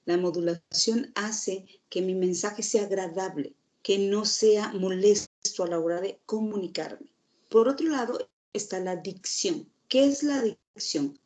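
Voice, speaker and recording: A woman's voice: mid-range voice, unhurried, darkish tone. A woman teacher giving a recorded lecture, explaining steadily and asking the class rhetorical questions.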